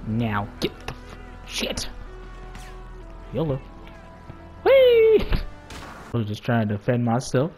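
A man's voice: mid-range voice, measured pace, pauses often, darkish tone, faint music behind. A man giving casual, joking gameplay commentary, swearing a lot and laughing as he plays. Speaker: gamer.

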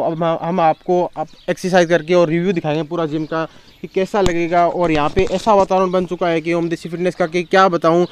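Young guest man, smooth clear voice. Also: on the high side, no room sound. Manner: polite, effusive thanks. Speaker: visiting guest fitness vlogger. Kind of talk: casual thanks and chat. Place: outdoor village gym.

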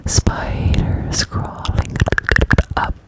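A young woman doing whispered ASMR in a breathy, unvoiced whisper close to the microphone, repeating trigger words and short phrases over and over. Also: extremely slow. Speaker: ASMR streamer. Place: small room indoors. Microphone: close desktop microphone.

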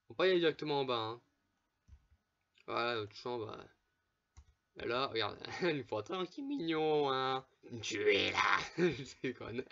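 A man's voice: mid-range voice, gravelly, bright, forceful tone, muffled recording. Casual young-sounding man commenting a game. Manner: swears often, laughs, chatty asides to viewers. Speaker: gameplay commentator. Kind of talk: casual let's play commentary.

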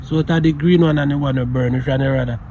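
A man's voice: mid-range voice, fairly even intonation, fast talker, background noise. A man interviewing off camera, prompting with short, casual questions.

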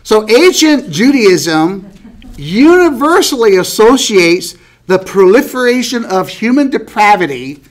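A middle-aged man teaching a Bible study lesson to a small class, conversational, putting questions to his listeners. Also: high voice. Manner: conversational, asks the class questions, light laughs.

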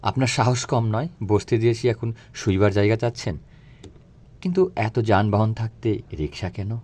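A man's voice: fairly low pitch, expressive, normal speed, a little mellow, voice pushed up. A man voicing a young woman who gives short, teasing replies in a recited phone drama.

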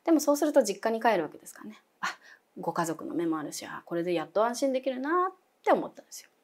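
A woman's voice: mid-range voice, big pitch swings, rapid-fire. A young adult woman telling a ghost story as a guest, dramatic, dropping to whispers and acting out voices.

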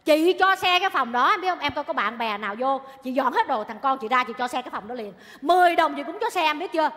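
A woman's voice: on the high side, quick pace, close to an everyday voice. A woman playing a scolding, hot-tempered landlady. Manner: scolding, nagging, sharp. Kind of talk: stage comedy sketch. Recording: reverberant hall.

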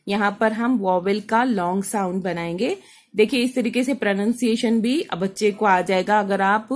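Woman teacher, phonics lesson, spells out letters, checks in with listeners. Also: mid-range voice. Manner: spells words out letter by letter, asks "ठीक है?"; mixes English terms into Hindi.

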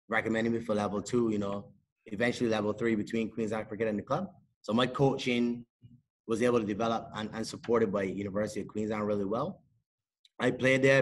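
A man, talking as a podcast guest on a video call in a small room, measured and modest, with many fillers. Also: fairly low pitch. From Barbados. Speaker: sports psychologist and cricket coach, podcast guest. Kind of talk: casual interview talk. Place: indoors, small room with a plain wall.

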